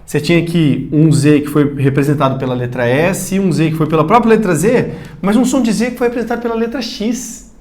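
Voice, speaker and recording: A man with a Brazilian Portuguese accent teaching a recorded prep-course lesson, chatty and lively, voicing his students' questions himself. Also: on the high side, brisk. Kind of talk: recorded video lecture. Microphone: studio recording facing a screen.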